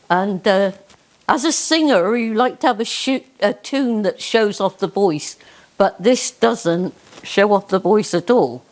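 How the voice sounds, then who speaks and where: A woman's voice: medium pitch, a little mellow. An older woman with a Cornish West Country accent, performing dialect folk verse and introducing it informally.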